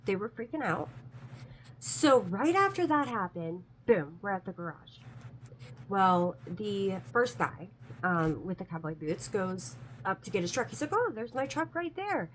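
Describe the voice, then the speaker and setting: A woman's voice: medium pitch, expressive, unhurried, rough recording. Woman narrating her own story casually; chatty and earnest, mid-range voice, light background hum. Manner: chatty, full of "like" fillers; earnest, insists the story is true.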